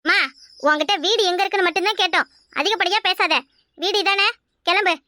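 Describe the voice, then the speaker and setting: A woman's voice: very high voice, brisk, bright, forceful tone. A woman voicing a stern, impatient policewoman in a cartoon, with a Kanyakumari Tamil accent and a curt, businesslike manner. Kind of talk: cartoon voice acting.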